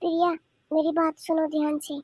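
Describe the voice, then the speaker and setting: A woman voicing a sweet-talking, sly young aunt in a cartoon who coaxes and plots quietly. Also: high-pitched, little pitch movement, normal speed, no room sound, lightly acted. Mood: coaxing. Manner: sweet, coaxing, conspiratorial. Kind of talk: cartoon voice acting.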